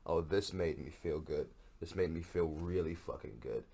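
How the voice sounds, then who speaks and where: A man's voice: rumbling low, moderate pace, creaky, mellow, slightly rough. A man hosting a podcast, talking in a profane, self-mocking, rambling comic monologue. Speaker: podcast host.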